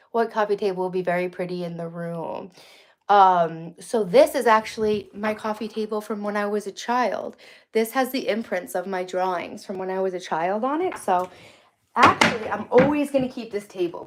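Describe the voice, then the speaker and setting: A woman live streamer chatting casually from home on a phone, blunt and easily sidetracked as she talks to viewers. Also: on the high side. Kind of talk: casual rambling chat with viewers. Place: indoors at home, moving between rooms. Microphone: phone, moving around. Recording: faint background noise.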